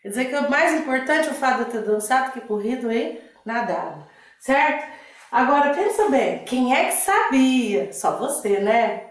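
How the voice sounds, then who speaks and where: A woman's voice: high-pitched, sing-song, moderate pace. Echoey, distant woman teaching grammar. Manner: explanatory, asks the class questions and answers them herself. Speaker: Portuguese teacher. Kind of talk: exam-prep grammar lesson. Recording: very echoey room, voice distant from the mic.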